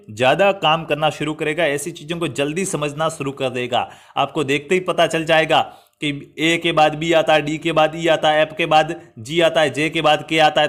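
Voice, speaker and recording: A man's voice: fairly high pitch, fairly bright tone. A man teaching reasoning for an entrance exam in an online class, chatty and coaxing, asking questions and answering them himself. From India. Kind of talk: lively classroom tutorial.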